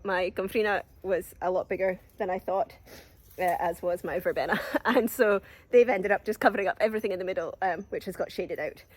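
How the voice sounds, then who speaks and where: A gardening vlogger with a cold sounds a bit sniffly as she casually walks viewers through her allotment garden, with lots of ums and little laughs. Her voice is mid-range and husky.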